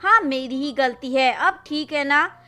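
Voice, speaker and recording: A woman's voice: high voice, measured pace, sharp tone. A woman voicing a hurt, defiant young wife and mother who speaks bitterly. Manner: bitter and reproachful.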